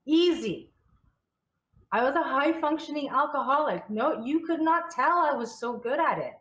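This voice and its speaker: A woman's voice: high-pitched, lively intonation, normal speed, a bit bright, poor audio. A woman who coaches and channels, telling her personal story as an interview guest in a candid way, often repeating and restarting words.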